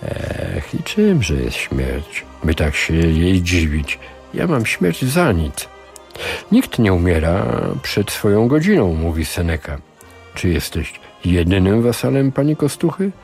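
A man voicing a scheming older male sorcerer who lectures in a slow, measured way. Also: low-pitched, very animated, darkish tone, soft background music, full character voice. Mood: philosophical.

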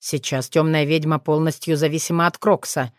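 A woman voicing a calm, confident male dragon shifter who speaks steadily with a dry, slightly mocking manner. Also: sits low, fairly quick, dry recording, lightly acted.

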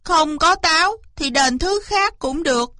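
A woman's voice: animated, measured pace, sharp tone, no room sound, clean studio sound, exaggerated voice. A woman voicing a sly, boastful male fox who whines and wails, in a storybook reading. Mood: wheedling. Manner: wheedling, wailing, shrill.

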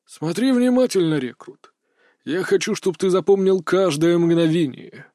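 A man's voice: high-pitched, unhurried, dark tone, no echo, studio quality. A man voicing a burly bearded older hunter who taunts and lectures in a sly, mocking way, read as an audiobook character. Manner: taunting, philosophizing.

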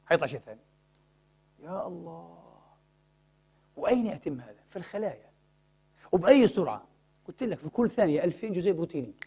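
In a religious science lecture, a man with a voice on the high side, darkish in tone with a breathy edge, asks rhetorical questions and prompts the audience to fill in words.

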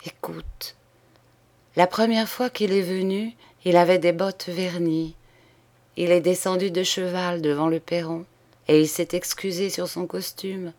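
A dying woman confesses in a storybook reading, voiced by a woman, her words coming hoarse and broken, one at a time. She half-whispers and pleads slowly, low and soft. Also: close to an everyday voice. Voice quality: hoarse, halting broken phrases. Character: dying younger sister confessing in terror, middle-aged woman.

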